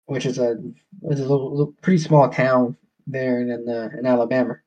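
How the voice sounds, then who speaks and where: A podcast guest from Georgia, USA, with a Southern accent, chats and tells stories casually. His voice is medium-pitched, steady and mellow, fairly quick, heard through dull, lo-fi call audio.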